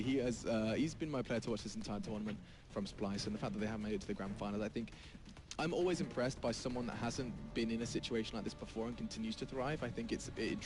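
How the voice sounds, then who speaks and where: Male esports caster, quick and emphatic, mid-pitched. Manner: energetic, emphatic play-by-play. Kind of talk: live esports commentary.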